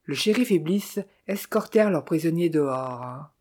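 A woman reading a novel aloud as scripted narration. She voices each character in turn and raises her pitch and volume for their lines. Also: lively intonation, normal speed, darkish tone, a little hiss or hum. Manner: reads every character in turn, lifting pitch and volume for quoted speech. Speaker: audiobook narrator.

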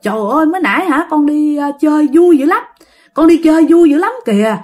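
A sick old village man from a spoken ghost story, acted by a woman chatters eagerly in a Southern Vietnamese accent. His voice sits high, and he strings his story together with quick fillers. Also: lively intonation, a bit bright. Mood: excited. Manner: eager, breathless retelling with "hả" fillers. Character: frail sick village man, cheerful after a trance.

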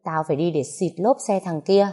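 A woman's voice: lowish voice, a little fast, warm tone, slightly rough. A woman voicing a blunt, impatient snake spirit who grumbles and snaps at others. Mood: grumbling. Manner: snappy, grumbling.

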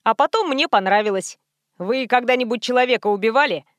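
A woman reading aloud plays a smug, cold-blooded teenage boy who brags about his crimes with callous cheer. His voice sits fairly high and is recorded close and dry, as in a storybook audiobook. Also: fairly quick, no echo, close to an everyday voice.

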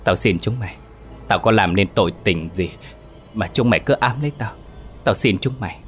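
A desperate, haunted young woman pleads and begs in an audio horror story, voiced by a man reading. Her lines come in a low, deep register over a faint music bed. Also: moderate pace, natural voice. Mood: begging. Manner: desperate, begging.

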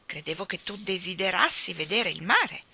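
A woman voicing a cheerful, chatty female sea trout in a storybook, with a brisk, matter-of-fact manner. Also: lowish voice, animated, vocal fry, sharp tone, husky, no echo, exaggerated voice.

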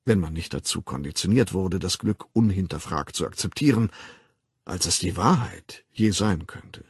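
A composed male ruler speaks in measured, ironic lecturing phrases, played by an audiobook reader. The voice is gravelly and a bit husky, with lively melody and a dry, close sound. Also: sits low, dry recording, heavily acted. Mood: calm superior. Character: calm worldly male ruler, dry and superior.

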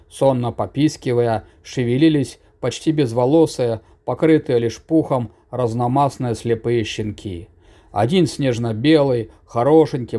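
A man reading a fantasy story aloud as an audiobook narrator, steady and measured. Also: medium pitch.

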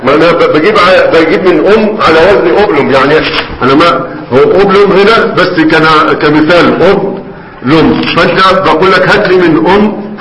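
In an echoey hall with faint noise behind him, a man speaking with an Egyptian Arabic accent gives a chatty grammar lecture and keeps checking in with the class. He talks a little fast, in a slightly high voice with a fairly bright tone.

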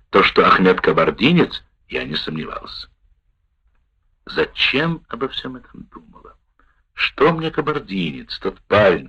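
In a low, husky voice, a man reads a wartime memoir in the first person, measured yet expressive, his melody wide and lively. The recording is dull and lo-fi.

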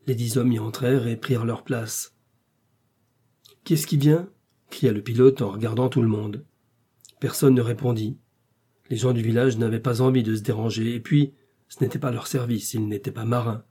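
A man narrating a novel as an audiobook in a steady, measured way, with a husky voice. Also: mid-range voice.

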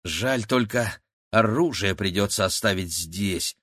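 A practical teenage boy who speaks in a matter-of-fact way, read by a male narrator. The voice stays low and unforced, recorded close and dry. It suits an adventure audiobook. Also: a little slow, fairly bright tone, dry recording. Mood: glum. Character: practical teenage boy, level-headed twin brother. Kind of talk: audiobook character voice.

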